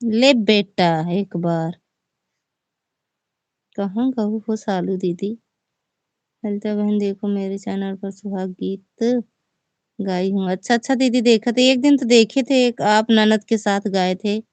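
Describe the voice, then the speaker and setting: A woman's voice: medium pitch, fairly even intonation, slow, long pauses, darkish tone, no echo. A woman with an Awadhi accent, a folk singer chatting casually on a live stream and reading viewers' comments aloud before answering them.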